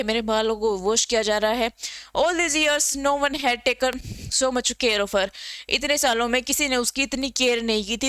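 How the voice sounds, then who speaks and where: A woman teacher explaining an English story, reading English lines slowly and explaining them in Hindi. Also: a little high, a bit bright, no room sound.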